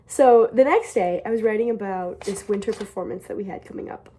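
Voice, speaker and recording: A woman's voice: mid-range voice, a little fast, warm tone. A young adult woman casually reading aloud from her childhood diary and commenting on it with amused, self-mocking embarrassment.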